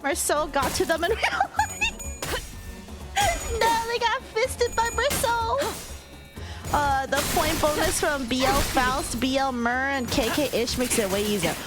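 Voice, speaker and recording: A woman's voice: sits high, big pitch swings, a little slow. A woman in her late twenties chatting casually on a gaming livestream, with a giggly manner. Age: late 20s. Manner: giggly, laughs often. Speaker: livestream host. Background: music.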